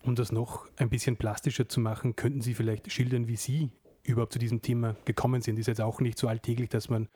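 A man interviewing a guest, asking brisk, even questions. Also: medium pitch, husky. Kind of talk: radio-style interview questions.

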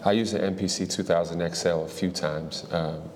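A man from the Washington, D.C. area, a hip-hop artist answering interview questions in a relaxed way, thinking aloud with fillers. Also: low-pitched, moderate pace. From Washington, D.C. area, USA. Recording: long reverb, faint noise.

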